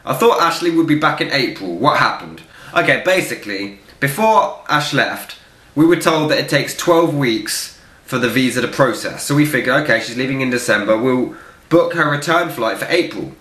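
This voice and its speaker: A young man runs a casual viewer Q&A vlog, talking bluntly and swearing freely. His voice has a bright, forward edge, and the room around him rings with echo. He speaks at a middling pitch into a camera mic. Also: lively intonation, moderate pace. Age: young adult. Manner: blunt, profane, joking. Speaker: film reviewer vlogger. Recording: echoey room.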